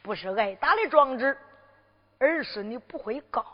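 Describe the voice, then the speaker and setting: A fatherly emperor in disguise, as a woman performer plays him in Henan zhuizi storytelling, talking in a high, lively Henan accent that teases and scolds in turn. The recording sounds dull and lo-fi, with a long hall reverb trailing behind. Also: moderate pace. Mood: fatherly, teasing. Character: disguised emperor posing as a wandering fortune-teller, fatherly.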